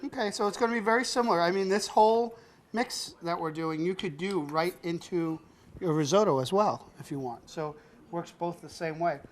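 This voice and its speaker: Hosting a cooking show, a man with a high-pitched voice teaches a child to cook at a normal speed. The banter is playful, full of jokes and frequent laughs, and he calls the kid "buddy."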